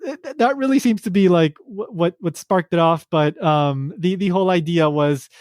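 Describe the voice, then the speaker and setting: A man's voice: sits high, normal speed, darkish tone, no room sound, studio quality. A man hosting a podcast, talking casually and rambling with many fillers and restarts. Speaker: podcast host.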